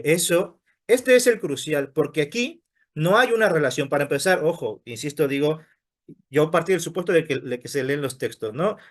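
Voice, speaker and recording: A fairly high-pitched man with a Spain Spanish accent lectures on philosophy in a seminar debate. He works his points out aloud, often restarting phrases and checking in with short tag questions. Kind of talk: academic explanation in a seminar debate.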